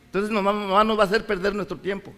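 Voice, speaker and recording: A middle-aged male pastor, who mixes in words and preaches passion, rising to shouts and dropping low. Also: little pitch movement, quick pace. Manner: impassioned, rises to shouts and drops low. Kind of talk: sermon.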